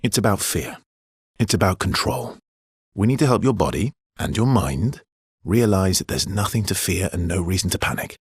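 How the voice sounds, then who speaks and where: A brooding but tender man speaks in naturalistic game dialogue, performed by a video game voice actor with a low, very husky, breathy voice captured close and dry, with no room sound. His manner is understated, halting and intimate, gently teasing, while the acting stays expressive and exaggerated. The overall mood is calm and reassuring.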